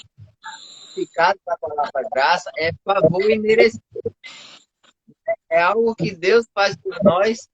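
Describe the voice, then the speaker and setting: A man preaching over a video call whose audio keeps cutting out, pausing often with "né" as he reads scripture. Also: high voice, fairly bright tone, husky. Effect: choppy audio that keeps cutting out. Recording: dull lo-fi call audio with dropouts.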